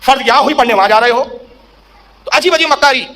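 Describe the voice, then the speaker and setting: Man, preacher, emphatic storytelling sermon, high voice, sharp tone. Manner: emphatic, rising to loud fervor, asks and answers own questions.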